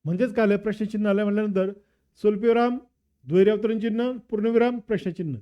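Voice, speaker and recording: A man with a Marathi accent teaches a class, his high voice moving quickly with fairly level intonation through a muffled recording. He works through an exam paper and drills his students with repeated questions and answers.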